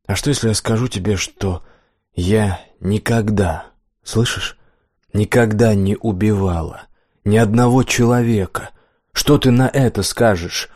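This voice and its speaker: Death, a hooded old woman gone bitter and weary, played by a man reading the story. She speaks quietly, almost hissing, then lashes out in accusation. The voice sits low, and the recording is dry and close. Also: a little slow, no room sound. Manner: quiet, hissing menace rising to angry outbursts. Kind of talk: audiobook character reading.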